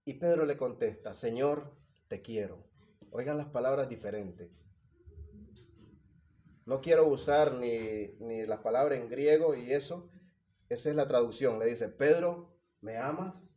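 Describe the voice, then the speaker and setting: Hushed-to-rising male preacher, dark tone. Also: medium pitch, normal speed, long pauses, dull audio. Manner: emotional, swings from hushed to loud. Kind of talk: sermon.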